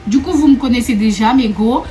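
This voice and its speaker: Young woman, from Réunion, vlogger, casual storytime chat, talkative, repeats herself, laughs a lot, slightly high voice. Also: fairly quick, warm tone. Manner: chatty and repetitive, often laughing, calls viewers 'mes go'.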